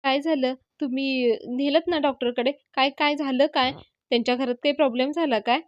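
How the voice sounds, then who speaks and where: A woman's voice: sits high, steady tone, fairly quick, dry recording, dull audio, voice pushed up, lightly acted. A woman voicing a worried young man asking urgent questions in a retold serial scene. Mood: anxious.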